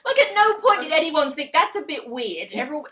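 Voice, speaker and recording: Young woman podcaster, giggly and sweary, voice bouncing all over, a bit high. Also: very animated, a crowd in the background. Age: 20s. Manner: giggly, sweary, acts out characters in quick asides. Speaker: podcast co-host. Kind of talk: casual chat, retelling a folk tale.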